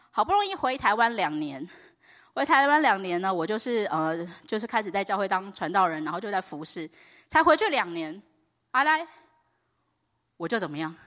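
A woman preaching and telling her own story in an excitable way, often rising to loud, high exclamations. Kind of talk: animated sermon testimony. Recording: reverberant hall.

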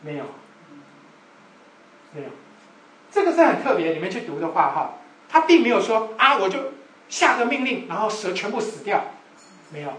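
A woman preacher delivering a sermon, animated and full of rhetorical questions to the audience. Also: medium pitch, normal speed, pauses often. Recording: echoey room, voice from far off.

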